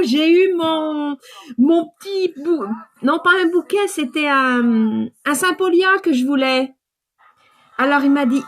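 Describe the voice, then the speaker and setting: A woman in her fifties with a runny nose, chatting casually to viewers while doing her makeup live. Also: sits high. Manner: chatty, rambling, talks straight to viewers.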